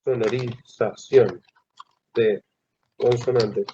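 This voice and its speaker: A male teacher giving a classroom lecture, who asks the students questions and pauses mid-phrase. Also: mid-range voice, steady tone, dark tone, a little hiss or hum. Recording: dull lo-fi classroom recording.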